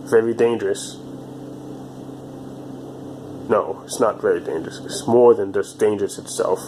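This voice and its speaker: A man in his twenties talking alone to his channel in a halting, repetitive way, often restarting his phrases. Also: fairly low pitch, warm tone, a little hiss or hum, poor audio. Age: 20s. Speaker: vlogger. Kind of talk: casual monologue to camera.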